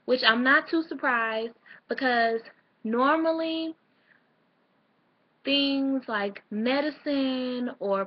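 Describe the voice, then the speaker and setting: Young woman vlogger, a little out of breath, chatty and rambling, slightly high voice, muffled home recording. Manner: rambling, chatty, with fillers and restarts. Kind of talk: casual late-night vlog talk.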